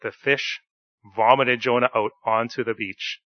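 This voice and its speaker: A man telling a Bible story to children in church, animated, with playful sound effects. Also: mid-range voice, unhurried, dry recording, muffled recording.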